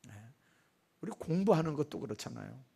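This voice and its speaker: A man's voice: a little high, sing-song, brisk, gravelly, warm tone, slightly rough. A male pastor preaching a midweek sermon in a church, telling stories with acted-out quotes and rising emphasis. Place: church sanctuary.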